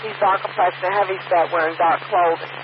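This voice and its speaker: High-voiced male police radio dispatcher. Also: fairly quick. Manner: clipped, flat call-outs repeated twice. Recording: noisy lo-fi police scanner.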